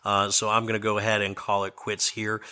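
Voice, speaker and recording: A man's voice: lowish voice, monotone, fairly quick, bright, forceful tone, clear, resonant tone. A man hosting a solo podcast commentary, his voice scratchy and strained, often repeating and restarting words with a sardonic edge. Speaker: podcast host.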